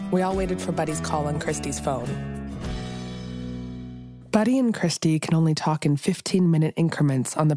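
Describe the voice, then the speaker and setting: A woman hosting and narrating a podcast in a measured, serious scripted style. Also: deep voice. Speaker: podcast host.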